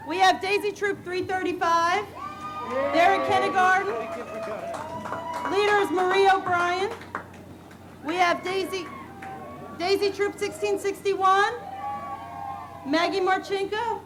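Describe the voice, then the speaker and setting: Breathless lady reading troop names outside, super high voice, loud crowd and noise around her. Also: fairly even intonation. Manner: brisk list-reading, shouting at times. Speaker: Girl Scout troop leader. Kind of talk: announcing troops at a parade. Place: outdoors at a rainy town parade. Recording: noisy outdoor recording with crowd.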